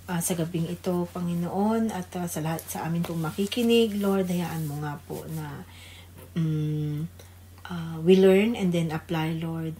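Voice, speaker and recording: On a devotional radio program, a Filipino-accented woman, the pastor's wife, shares informal greetings and prayer in a reverent, conversational tone. Her voice is lowish and mellow, with slight background noise.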